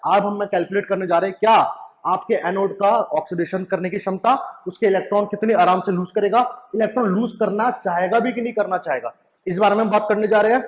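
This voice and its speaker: A young man giving a chemistry lecture to students, repeating his questions back to them and often asking "right?". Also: high-pitched. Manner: mixes in English phrases. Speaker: chemistry teacher. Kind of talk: classroom lecture at a whiteboard.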